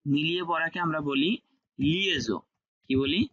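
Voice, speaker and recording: In a dull, lo-fi recording, a man with a very bright, fairly high voice teaches French online at a moderate pace. He goes step by step, repeating key words and checking comprehension.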